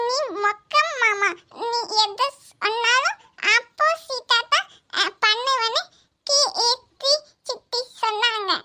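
A woman voicing a cheeky little boy who stammers and speaks slowly in a cartoon. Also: very high voice, sharp tone, slight background noise, pitched above the performer's own voice, full character voice. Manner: stammering, slow and childish. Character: small boy, cheeky and tattling.

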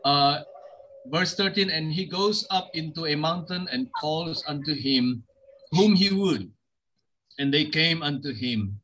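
A man's voice: a little high, lively intonation, unhurried, fairly bright tone, a little hiss or hum, rough recording. A man from Sabah, East Malaysia, sharing his testimony as a pastor over a video call, hesitant and full of fillers. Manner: hesitant, many fillers, switches between English and Malay. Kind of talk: testimony sermon with scripture reading.

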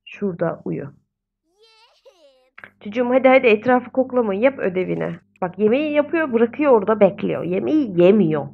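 A woman's voice: mid-range voice, lively intonation, a little fast, creaky, slightly rough, narrow, tinny audio. A young woman casually commenting on her own gameplay. She chats, gets exasperated, and coos at the babies in the game. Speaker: gaming video host.

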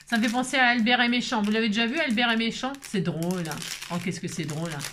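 A woman chatting casually while opening her mail, exclaiming at each item and now and then dropping into high baby talk to her pet. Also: fast talker, noisy background. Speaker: craft vlogger opening mail. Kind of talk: casual chat unboxing mail. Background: paper crinkling and clicks.

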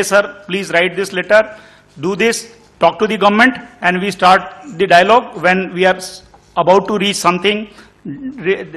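A man's voice: sits high, a bit bright. A middle-aged man with an Indian English accent, speaking earnestly as a panelist at a conference table mic, often restarting his sentences. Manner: earnest, concerned, many restarts. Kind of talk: panel discussion remarks. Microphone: table microphone on stand.

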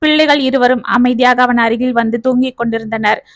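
High-voiced woman telling a story. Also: steady tone, a little fast, no room sound. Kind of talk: scripted narration of a family story.

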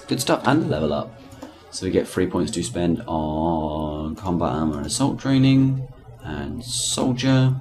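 A man's voice: low-pitched, a little mellow. A man giving casual, sweary, joking commentary while he plays a video game. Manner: sweary, joking running commentary with sudden silly voices. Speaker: gamer playing and commenting. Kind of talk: casual let's-play commentary. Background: game music.

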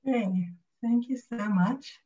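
A British woman from the United Kingdom, a speech and language pathologist, gives an academic lecture as a guest lecturer over a video call. Her voice is fairly high and dark in tone, and she speaks slowly. The video call audio sounds slightly dull.

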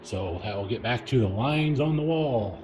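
In an echoey garage, a middle-aged home improvement vlogger explains a job step by step in a relaxed way, using the occasional filler. His mid-range voice is expressive and darkish, at normal speed, recorded by a tripod camera across the garage with slight background noise.

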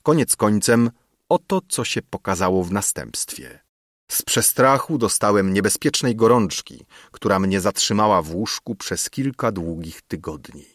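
A man reading an audiobook in a measured, solemn narration. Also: on the low side, animated, no room sound, studio quality.

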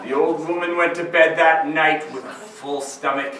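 A man's voice: on the high side, fairly even intonation, normal speed. A man telling ghost stories at a Halloween party, with a dramatic, suspenseful delivery. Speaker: storyteller. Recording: echoey room from far off, noisy.

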